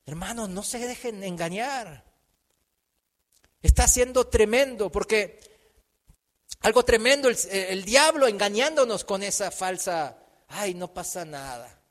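Male pastor preaching in a church hall, alternating emphatic and quiet delivery. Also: sits high, unhurried, long pauses. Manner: preaching, swings from loud emphatic lines to hushed ones. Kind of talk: sermon.

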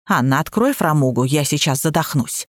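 A woman's voice: deep voice, lively intonation, normal speed, no echo, studio quality, voice pushed down. Woman doing a trumpeting hypochondriac old granny. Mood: whining. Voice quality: loud, trumpeting.

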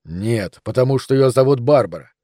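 A man voicing a sharp detective who teases his colleagues in a dry, plain voice. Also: mid-range voice, lively intonation, normal speed, no echo, close to an everyday voice. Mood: teasing. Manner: dry teasing. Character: male detective, sharp, teasing, young adult.

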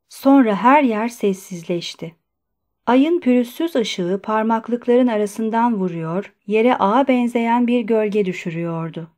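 A woman narrating a classic novel in a calm, measured storytelling voice. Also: mid-range voice. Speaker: audiobook narrator. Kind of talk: scripted narration.

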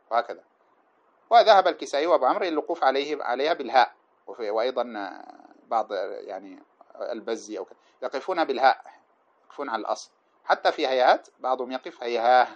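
Fast-talking male teacher, lo-fi recording. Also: medium pitch. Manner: chants quoted verses slowly, explains in quick plain speech. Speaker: teacher explaining a didactic poem. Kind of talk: lecture. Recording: dull lo-fi lecture recording.

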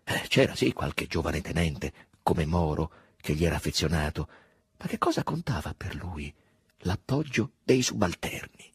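A man narrating a novel in an audiobook, with a husky voice and a dramatic, expressive reading. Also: sits low, normal speed, dry recording, studio quality. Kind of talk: scripted literary narration.

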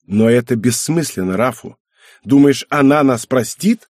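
A male narrator voices an irritable aristocratic wife who snaps and grumbles. The voice is husky, sits a little higher than a plain male reading voice, and is recorded close and dry like a storybook reading. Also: expressive, measured pace, darkish tone, no echo. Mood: tense. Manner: snappy, irritable.

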